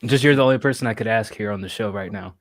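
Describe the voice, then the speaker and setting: A man's voice: on the low side, racing, no room sound. A young man co-hosting a casual comedy podcast, rambling and laid-back with lots of fillers. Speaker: podcast co-host.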